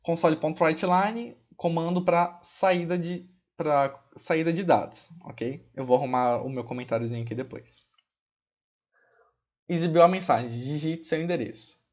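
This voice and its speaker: Speaking at a fairly high pitch with a slightly mellow tone, a Brazilian Portuguese-accented instructor runs a relaxed programming screencast. He frequently pauses for "ok?" and "pessoal", enjoys diminutives, and slows to spell out each command as he types it.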